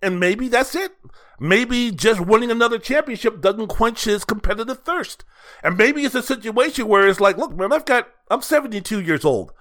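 Speaking alone at a moderate pace, a man hosting a sports podcast gives his opinions in a high, sharp-edged voice. He is animated, emphatic and theatrical, often repeating himself and posing rhetorical questions.

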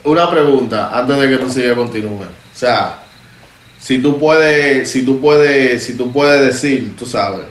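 A man's voice: medium pitch, slow pace, a little hiss or hum. Man, podcast host, brief reactions, polite questions, echoey room. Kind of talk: interviewing.

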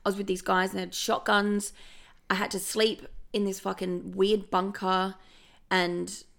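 A young adult woman, a podcast guest telling stories in casual chat, animated and swearing often. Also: mid-range voice, a little slow, gravelly. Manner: animated storytelling, frequent swearing.

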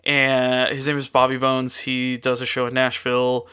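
A man's voice: medium pitch, moderate pace, clear, resonant tone. A young man hosting his own podcast from a spare-bedroom studio, chatting casually with lots of fillers and restarts. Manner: relaxed, many fillers and restarts. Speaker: podcast host. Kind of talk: casual rambling monologue. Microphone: studio microphone.

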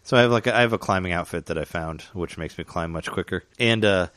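A man's voice: low voice, quick pace, fairly bright tone, no echo. A man chatting casually about a video game, rambling with lots of fillers and restarts. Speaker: gamer chatting. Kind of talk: casual chat.

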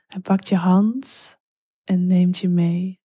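A woman telling an intimate story in whispered role-play, slow and hushed. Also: lowish voice, steady tone, husky, no room sound, studio quality, pitched below the performer's own voice.

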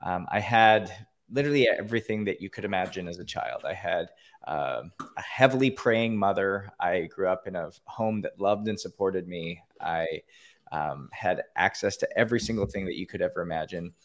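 A Canadian man calls in as a podcast guest and earnestly shares his own story in an interview, full of fillers and restarts. His voice is low and his pace moderate, heard over a call-in line.

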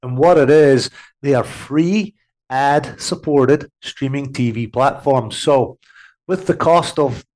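A man with a head cold speaks in a medium-pitched, congested, somewhat dark voice, taking his time. He's a TV series host appearing as a radio guest, chatting casually and rambling with plenty of fillers. The recording quality is low.

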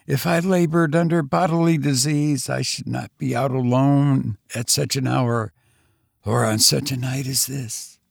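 A man voicing a veiled woman in mourning, low and pleading. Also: fairly even intonation, a little slow, gravelly, husky, no echo, studio quality. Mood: anguished. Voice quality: low, deep voice. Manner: desperate, earnest pleading. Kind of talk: audiobook character voice.

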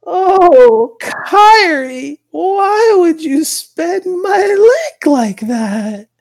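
Shrill doting grandma, put on by a man for a tabletop game. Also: big pitch swings, drawn-out words, heavily acted. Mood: wailing. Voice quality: shrill falsetto.

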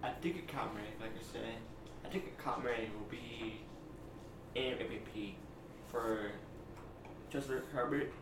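A man's voice: mid-range voice, moderate pace, long pauses. A man chatting casually about sports as a podcast co-host, his articulation thick and muffled as if his mouth were full of peanut butter. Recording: distant, echoey room with clear noise.

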